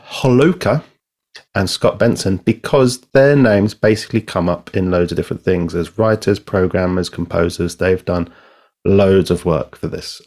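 A man's voice: low voice, darkish tone. A man hosting a casual podcast, playful and self-deprecating, who sometimes stumbles over names and dates. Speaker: podcast host.

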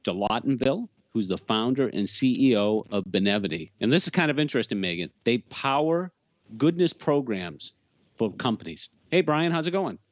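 A man's voice: medium pitch, lively intonation, normal speed, dry recording. A man with a Boston accent hosting a podcast, chatting casually and bantering with his guests. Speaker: podcast host. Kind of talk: casual interview chat.

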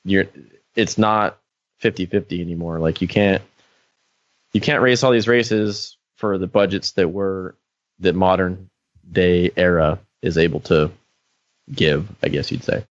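A low-pitched man co-hosting a podcast, rambling loosely and leaning on "like" as he talks. His voice comes across dull and lo-fi, dry with no room sound. The delivery is casual and conversational. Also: steady tone, measured pace, long pauses, no echo. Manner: rambling, peppered with "like". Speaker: podcast co-host. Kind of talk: casual chat.

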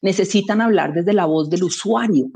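A woman's voice: lowish voice, normal speed, a little mellow, breathy edge. A woman, an executive guest speaking emphatically in a conversational interview, making her points with anecdotes and rhetorical questions.

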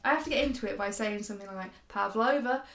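A woman's voice: medium pitch, very fast, fairly bright tone. A woman co-hosting a podcast in a chatty, self-mocking way, laughing often. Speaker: podcast co-host. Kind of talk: casual chat.

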